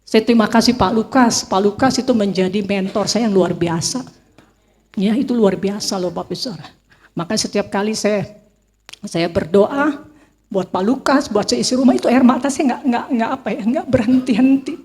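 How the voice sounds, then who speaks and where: A middle-aged woman giving an emotional church testimony, telling her story with lively acted quotes. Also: medium pitch, normal speed. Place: church hall. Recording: long reverb of a church hall.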